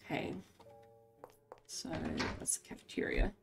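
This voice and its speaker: A tired woman giving casual, halting commentary while playing a game, with many pauses and fillers. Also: over loud music. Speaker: gameplay commentator. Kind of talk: casual let's play commentary.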